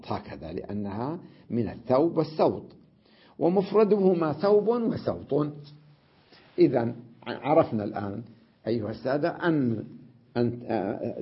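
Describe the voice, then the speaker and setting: Husky-voiced man teaching grammar. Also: mid-range voice, muffled recording. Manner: explains step by step, repeats words, checks with "right?". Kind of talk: explaining a grammar lesson.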